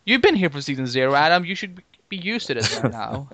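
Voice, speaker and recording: Lively, bright-voiced male podcast host. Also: a little high, fast talker, dry recording. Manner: animated, jokey, laughs often. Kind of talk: casual chat.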